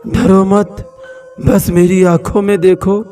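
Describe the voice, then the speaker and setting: A man voicing a disfigured female ghost witch who pleads and lures softly, in a storytelling recording. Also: sits high, flat delivery, slow, far from the mic, soft background music. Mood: coaxing. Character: disfigured ghostly witch woman, luring and eerie.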